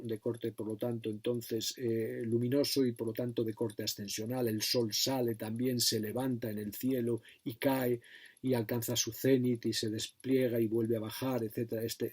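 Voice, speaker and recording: A man's voice: mid-range voice, a little mellow, breathy edge. A middle-aged man giving a recorded philosophy lecture to his students, thinking aloud with frequent fillers and self-corrections.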